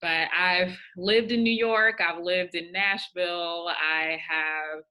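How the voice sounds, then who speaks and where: A woman's voice: on the low side, steady tone, slow, pushed and bright, clean tone. A young adult woman from Houston, a career coach speaking as a podcast guest, upbeat and emphatic, laughing easily. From Houston, Texas. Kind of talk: interview conversation.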